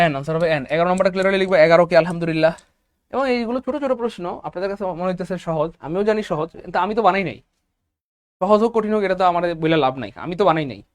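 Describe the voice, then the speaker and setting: A man teaching English for job exams in an online lecture, energetic and repeating key words to his viewers. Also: high voice, dry recording. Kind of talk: online exam-prep lecture.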